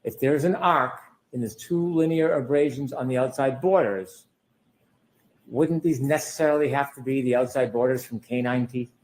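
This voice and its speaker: A man's voice: mid-range voice, normal speed, a little mellow, rough recording. Man pressing a witness in a courtroom. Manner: pressing, sceptical, ends statements in tag questions. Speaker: lawyer cross-examining a witness. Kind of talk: courtroom cross-examination.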